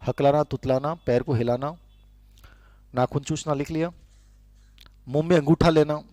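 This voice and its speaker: A middle-aged man gives a conversational classroom lecture, repeating key terms so students can write them down. His voice is on the high side and dark in tone, with fairly even intonation at a normal speed, recorded dry.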